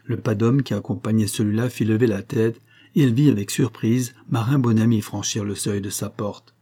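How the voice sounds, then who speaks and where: A man reading a classic novel aloud as an audiobook, narrating in a measured, even way. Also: on the low side. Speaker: audiobook reader.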